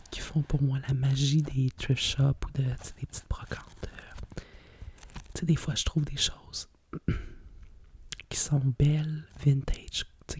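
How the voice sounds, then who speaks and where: Hushed whispering Quebec woman, soft and mellow. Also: extremely low pitch. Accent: Quebec French. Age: middle-aged. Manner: hushed, nostalgic rambling with frequent conversational tags. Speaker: ASMR host. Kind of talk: whispered ASMR chat about vintage books.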